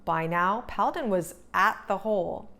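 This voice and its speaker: A woman hosts a read-aloud of a children's storybook, narrating with dramatic, expressive flair. Her pitch is medium and her speed normal.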